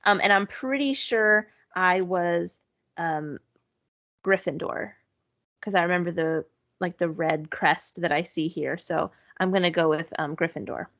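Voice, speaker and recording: A woman co-hosting a podcast speaks at a measured pace in a lowish, fairly bright voice, with no room sound. It's a loose, casual chat where she laughs easily and uses lots of fillers like "sort of" and "like." The audio is dull and lo-fi.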